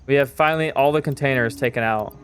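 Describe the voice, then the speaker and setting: During casual live-stream chat while gaming, a young man talks fast in a mid-range, fairly bright voice, rambling to viewers with lots of fillers and casual cursing. A little hiss or hum runs through the audio.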